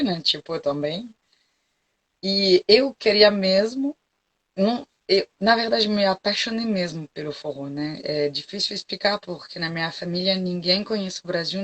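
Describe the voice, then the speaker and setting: A French woman with a French accent, a forró dance teacher chatting frankly as an interview guest and often checking that she is understood. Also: on the low side. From France. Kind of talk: casual interview chat.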